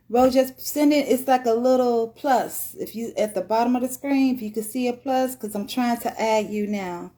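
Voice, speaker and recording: A woman's voice: on the high side, mellow. A woman hosting a casual live-stream podcast interview, chatty and upbeat, laughing often. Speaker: podcast host.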